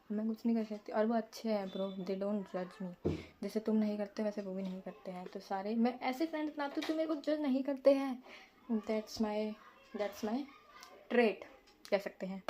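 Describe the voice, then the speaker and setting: A woman's voice: mid-range voice, warm tone, a little hiss or hum. A young woman chatting casually in a makeup vlog, rambling and self-mocking, often searching for words and mixing in English. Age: young adult. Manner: mixes English words into speech. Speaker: vlogger.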